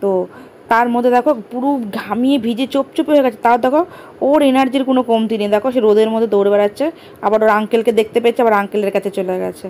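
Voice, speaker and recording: A woman's voice: on the high side, steady tone, racing, darkish tone, a little hiss or hum, poor audio. A woman vlogging her day as a mother, talking straight to her viewers in a chatty, casual way. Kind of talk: casual daily vlog narration. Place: outdoors on the street, then at home.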